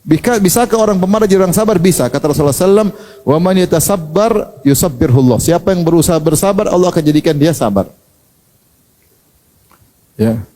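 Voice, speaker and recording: A man preaches a sermon, and his voice sits a little high with a mellow, warm tone. He keeps things lively and joking. He acts out the people he quotes as he goes. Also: quick pace, long reverb tail.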